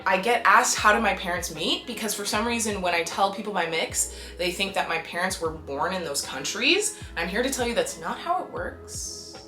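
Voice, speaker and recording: A young woman from Canada in her twenties, talking casually to the camera in an animated, exasperated and emphatic way. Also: mid-range voice, moderate pace, few pauses, roomy sound, faint music behind. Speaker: vlogger. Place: small bright room indoors.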